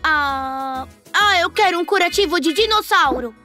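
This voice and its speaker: A woman's voice: very high-pitched, animated, unhurried, sharp tone, soft background music, heavily acted. A woman voicing a small young fox, sweet and plaintive, in a children's cartoon. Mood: happy.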